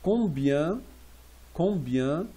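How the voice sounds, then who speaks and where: Husky dark-voiced guy teaching french phrases, says each one over and over real slow. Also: a little high, expressive. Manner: explains French phrases in English, repeating each slowly. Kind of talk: classroom phrase lesson.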